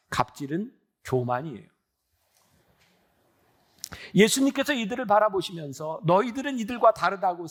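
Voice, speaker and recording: 60s pastor guy preaching, pretty high voice, talks to the crowd like a chat, lots of questions. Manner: earnest, conversational preaching with rhetorical questions. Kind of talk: sermon.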